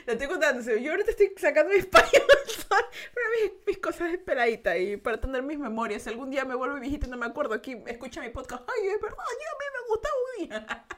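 A woman's voice: sits high, animated, fast, few pauses, fairly bright tone. A young adult woman with an Ecuadorian accent hosts a podcast, telling a story in a casual confessional way. She talks animatedly, giggles often, restarts her sentences and acts out other people's voices. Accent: Ecuadorian Spanish. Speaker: podcast host.

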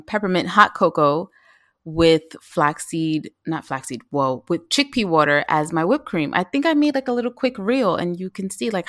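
A woman chatting as a guest about home cooking, lively and quick, with many fillers and restarts. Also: fairly low pitch, dry recording, studio quality. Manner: animated, talks fast with restarts and fillers. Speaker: guest, vegan home cook. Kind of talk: casual interview chat.

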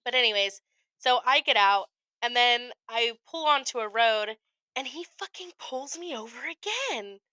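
A young American woman with a voice on the high side speaks at a measured pace, with no echo. She co-hosts a podcast and tells a story casually, giving an animated retelling with acted-out quotes and lots of profanity.

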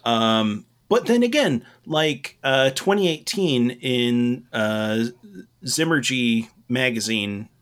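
A man co-hosting a casual podcast, giving opinions in a halting, meandering, loose and tipsy-sounding way. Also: medium pitch, animated, a bit bright, smooth. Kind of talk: casual rambling chat.

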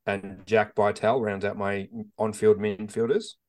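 Aussie bloke, lowish voice, calm, explains his picks step by step. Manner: measured, lists names plainly, explains his reasoning at length. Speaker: podcast co-host. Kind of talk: casual sports podcast chat.

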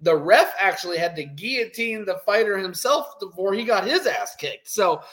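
A man co-hosting a casual post-fight show, talking in an animated, rambling way with many fillers. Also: high voice, normal speed. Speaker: co-host.

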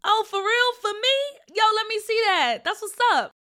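Woman doing a loud excited schoolboy. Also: very high-pitched, normal speed, voice pushed up, heavily acted. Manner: loud, slangy, laughing.

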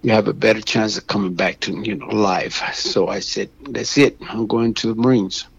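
An older man from Mexico, a guest on a radio show, telling his story slowly with many restarts and fillers. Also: on the low side, steady tone, creaky, dull audio, a little hiss or hum. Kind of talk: phone interview.

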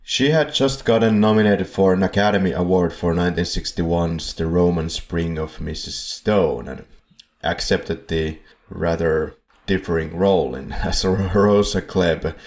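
A man's voice: low voice, fairly even intonation, measured pace, darkish tone. A man co-hosting a film podcast in a casual chat, rambling a bit and chuckling at his own slips. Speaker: podcast co-host. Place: home setup in Poland.

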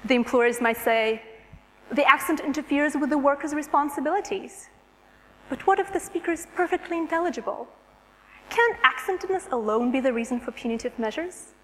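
A native Russian speaker with a Russian accent delivers a prepared three-minute thesis talk to an audience in a high, fairly bright voice. She stays clear and composed while engaging her listeners, and the recording carries a long hall reverb plus a slight hiss or hum.

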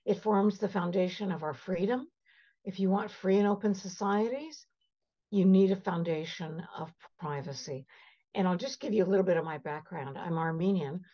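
A woman's voice: on the low side, moderate pace, dark tone. An older woman guest, born in Egypt and raised in Canada, telling stories in an emphatic, passionate way. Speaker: privacy expert guest. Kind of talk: conversational storytelling. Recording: slightly dull lo-fi audio.

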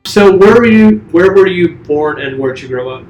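A man's voice: high-pitched, expressive, normal speed, a little mellow, faint music behind. A man interviewing a guest in a casual, chatty way, thinking aloud with many fillers. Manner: chatty, loose, with lots of "like" and restarts. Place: echoey shaping room indoors. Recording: echoey room recording with faint noise.

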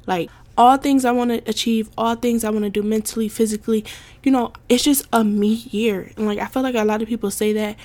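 A young woman with a slightly high voice hosts her own podcast alone. She talks in a loose, emphatic way, repeating phrases and dropping in "like" again and again, with laughter breaking in often. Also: steady tone, brisk, darkish tone. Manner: emphatic, repetitive, frequent "like" fillers, laughs often. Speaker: podcast host. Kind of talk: casual solo podcast monologue.

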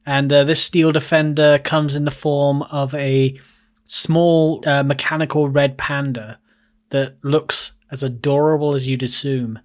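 A man's voice: medium pitch, flat delivery, unhurried. Hesitant man describing his creation. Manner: hesitant, many fillers. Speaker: player. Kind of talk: casual play.

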